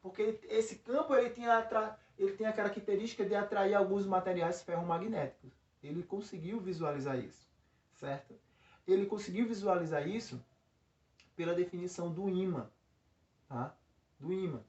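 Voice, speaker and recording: A man's voice: sits high, moderate pace, darkish tone. Male teacher explaining at the board. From Brazil. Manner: explains with frequent check-in tags and restarts. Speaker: physics teacher. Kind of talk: recorded classroom lesson. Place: classroom by a board. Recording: roomy lo-fi sound from a distance.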